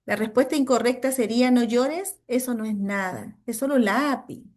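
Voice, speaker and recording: A woman's voice: on the high side, moderate pace, darkish tone. A Chilean woman, a psychologist leading a training class, explaining with examples and acting out what she says to children. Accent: Chilean Spanish. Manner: checks in often with "cierto?". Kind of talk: online training lecture.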